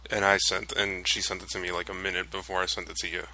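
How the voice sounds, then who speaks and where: A man co-hosts a podcast in a laid-back, hesitant way. His voice sits fairly low and has a gravelly edge. It also has a bright, tense tone. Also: little pitch movement, fast talker, rough recording. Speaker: podcast co-host. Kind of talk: casual chat.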